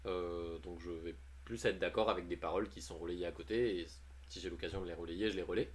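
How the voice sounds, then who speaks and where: Low-pitched and steady with a breathy edge, this man talks fast as he reads posts aloud on his livestream. He's chatty and jokey, laughing often at what he comments on.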